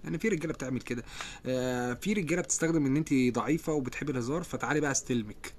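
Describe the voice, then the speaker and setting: A man's voice: medium pitch, very fast, a little hiss or hum. A man with an Egyptian accent hosting a live stream, chatting casually as he reads out viewer comments and answers them. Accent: Egyptian Arabic.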